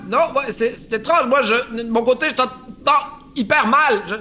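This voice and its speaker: A man voicing an excitable, gluttonous, scheming delivery courier in an animated comedy, with a hesitant, melodramatic way of talking. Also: extremely high pitch, normal speed, a little hiss or hum, full character voice. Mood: feigned confusion. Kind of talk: scripted animated comedy, narration and dialogue.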